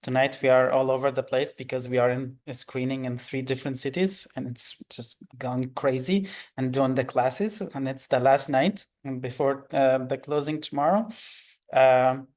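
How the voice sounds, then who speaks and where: A man's voice: mid-range voice, fairly even intonation, normal speed, a little mellow. A man moderating a festival masterclass over a video call, apologizing for an absent colleague and handing over to the guests. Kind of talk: hosting an online panel.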